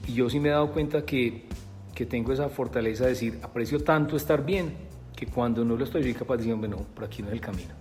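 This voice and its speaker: A man with a medium-pitched, slightly mellow voice talks fast as an interview guest, rambling through a personal story packed with filler words. The sound has a long reverb tail, with faint music in the background.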